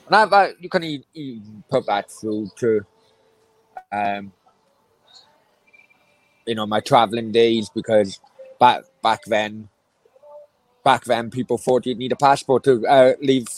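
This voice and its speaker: A man in his forties with a South Wales Valleys accent, answering reflectively and haltingly in a casual interview. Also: mid-range voice, low-quality recording. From Merthyr, South Wales. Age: 40s. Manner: halting, hesitant delivery with many pauses. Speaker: interview guest, former councillor.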